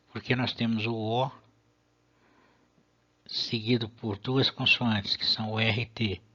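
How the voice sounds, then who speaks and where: A man's voice: fairly low pitch, fairly bright tone. Methodical man teaching, lo-fi. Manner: patient, methodical, with hesitant restarts. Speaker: Latin teacher. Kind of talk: explanatory video lesson. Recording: dull lo-fi recording.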